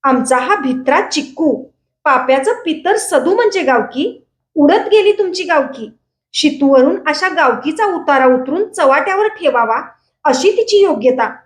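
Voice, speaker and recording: A woman's voice: high-pitched, expressive, measured pace, echoey room. A woman reading aloud in the voice of a hot-tempered young village man who hurls defiant accusations. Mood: furious. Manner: defiant, loud accusing outbursts.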